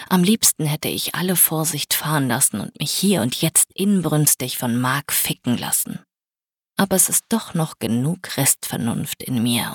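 A woman narrating a first-person audiobook in an even storytelling read, with a husky voice. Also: very deep voice, no room sound, clean studio sound.

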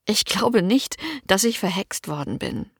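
A woman voicing a calm young noblewoman who speaks patiently and reassuringly. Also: mid-range voice, a little slow, creaky, breathy edge, dry recording, clean studio sound, heavily acted.

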